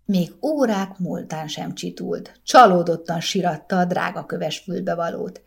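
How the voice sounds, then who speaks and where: A woman narrating a short story as an audiobook, in a calm, measured, gentle way. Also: fairly low pitch, gravelly, husky.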